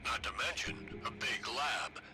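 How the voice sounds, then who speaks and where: An actor playing a fatherly, serious army colonel in a video game, speaking as an earnest, measured military officer. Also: mid-range voice, music in the background, close to an everyday voice. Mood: alarmed. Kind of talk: dramatic video game dialogue.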